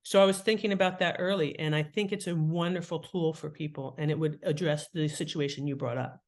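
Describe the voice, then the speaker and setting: A woman appears as an author and interview guest, explaining the craft of writing with animated enthusiasm. Her voice is low-pitched and her delivery brisk.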